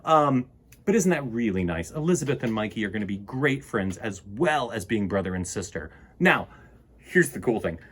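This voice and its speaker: With a lowish, husky and somewhat bright voice, a man reads a picture book to children and chats with them playfully. His intonation is lively, his pace moderate, and his manner whimsical and rambling.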